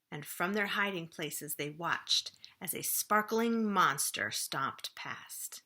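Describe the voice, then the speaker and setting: A woman with a fairly low-pitched voice reads a children's book aloud, librarian-style. She reads expressively, slowing down and lowering to a hush for suspense, with pauses for dramatic effect.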